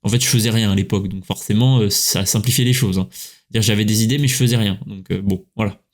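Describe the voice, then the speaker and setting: A man's voice: lowish voice, steady tone, fast talker. A man from France hosting his own podcast, talking casually with many fillers and self-corrections. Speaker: podcast host, writer and coach. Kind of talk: casual solo podcast talk.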